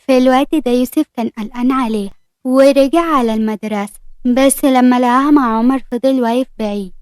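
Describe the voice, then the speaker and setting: An Egyptian woman narrating a story in a brisk, lively manner. Her voice is high and fast, and the recording is dry and close. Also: no room sound.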